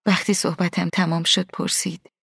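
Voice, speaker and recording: A woman reading a first-person story aloud in a soft, hushed, partly whispered way, with a husky voice. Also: on the low side, level tone, no echo, studio quality. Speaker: audiobook narrator. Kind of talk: scripted first-person narration.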